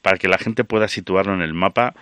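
A man's voice: low-pitched, fast, fairly bright tone, clean tone, no echo. A man hosting a radio interview, talking in a conversational, reflective way. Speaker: radio host.

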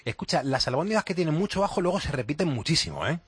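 A man's voice: on the high side, very animated, racing, slightly rough, dry recording. A man with a Spanish accent hosting a radio phone-in, chatting casually in a teasing, familiar way. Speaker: radio host.

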